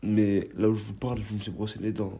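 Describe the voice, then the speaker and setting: A man's voice: fairly low pitch, level tone, fast talker, mellow. A tired, just-woken man chatting casually in French slang. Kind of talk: casual slangy phone chat. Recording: faint background noise.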